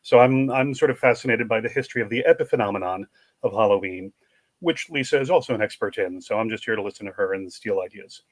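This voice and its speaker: Low-voiced man, dry sound. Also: fast, no echo. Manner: hesitant, many fillers. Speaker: author and panelist. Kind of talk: panel self-introduction.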